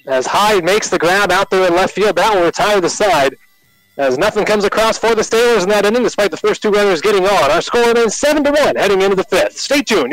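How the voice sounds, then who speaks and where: A man with an American accent calling live baseball play-by-play on the radio in short, measured announcer phrases. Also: sits high, no room sound, poor audio.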